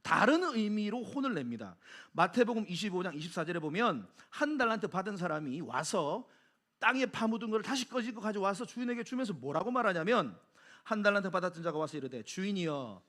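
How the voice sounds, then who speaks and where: A man's voice: high voice, very animated, fast, a bit bright. A middle-aged man preaching a Sunday sermon as pastor, asking the congregation questions and answering them himself.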